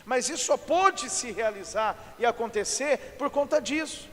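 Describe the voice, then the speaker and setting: A man with a Brazilian Portuguese accent preaching a lively storytelling sermon as a pastor, swinging from hushed to loud. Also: extremely high pitch, normal speed. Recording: reverberant hall, faint noise.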